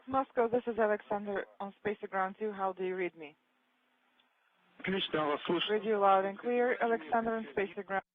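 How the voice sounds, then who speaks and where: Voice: medium pitch, steady tone, moderate pace, pauses often. A voice on an astronaut radio link making a terse radio check over a space-to-ground channel. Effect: astronaut radio transmission, band-limited. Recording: crackly narrow-band space radio link.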